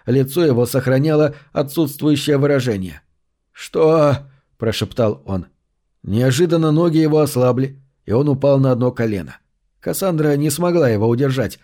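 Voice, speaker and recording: Mellow male audiobook narrator. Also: medium pitch. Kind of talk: scripted first-person narration.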